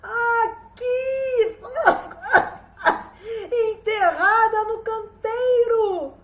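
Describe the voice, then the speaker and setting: Woman doing a shrill magic talking ear. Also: drawn-out words, exaggerated voice. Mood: gleeful. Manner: high, loud and sing-song. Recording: roomy echo.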